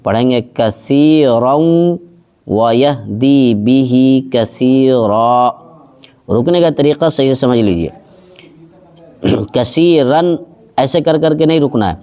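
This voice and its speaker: A man teaching Quran recitation step by step. He patiently explains each letter and mark, then recites the verse slowly and drawn out. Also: medium pitch, dark tone.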